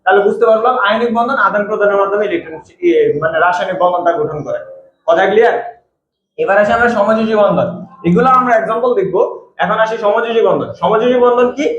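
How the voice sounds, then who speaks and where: A man's voice: sits high, fast, fairly bright tone. A man teaching chemistry in a classroom lecture, repeating key points and asking the class questions. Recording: echoey room, dull lo-fi sound.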